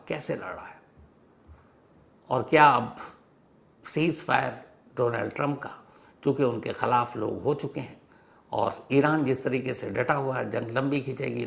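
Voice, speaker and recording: With a creaky, mid-range voice, this male host of a news explainer show walks through the news in an emphatic, story-driven monologue. He regularly asks questions and rewords his points so they're clear.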